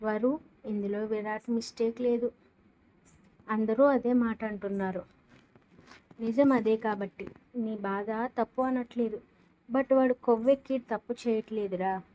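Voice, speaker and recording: A woman's voice: on the high side, steady tone, unhurried, long pauses, lo-fi sound, natural voice. A woman voicing a concerned older brother who earnestly explains and comforts.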